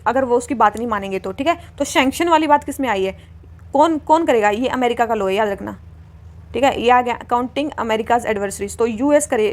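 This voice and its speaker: A young woman teaching exam preparation, chatty and repetitive as she walks through quiz answers and asks the class questions. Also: a little high. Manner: chatty, repeats key points, asks questions. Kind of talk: explaining quiz answers, mixing Hindi and English.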